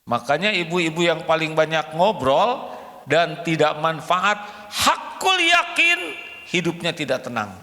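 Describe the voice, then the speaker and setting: A man's voice: a little high, moderate pace, a bit bright. An older man preaching a joking sermon in a Sundanese accent, acting out husbands and wives as he teaches. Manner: joking, acts out husband and wife voices. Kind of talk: humorous sermon to a congregation. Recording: hall reverb, faint room noise.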